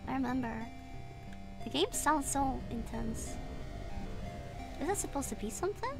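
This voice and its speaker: A young woman streams a horror game as a virtual streamer, reading chat and commenting on her gameplay live while game music plays. English isn't her first language and she has a non-native accent. Her high, animated voice moves at a normal speed with vocal fry, and she shrieks and giggles whenever something startles her.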